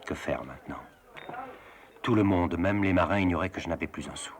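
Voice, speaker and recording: A grave adventurer looks back on his struggles in a first-person voice-over. His voice is extremely low and rough with gravel. The delivery stays measured and reflective. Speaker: narrator.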